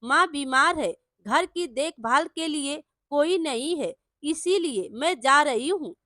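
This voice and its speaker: A woman voicing an anxious young village wife in a storybook tale, soft and downcast. Her voice is high and bright, the pace slow, close and dry. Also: lively intonation, no echo, heavily acted.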